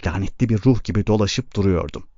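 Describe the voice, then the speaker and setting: A man's voice: on the low side, fairly quick, warm tone, no echo, highs cut off. A man reading a bitter, grieving farmer who broods and bursts into anger. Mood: apologetic.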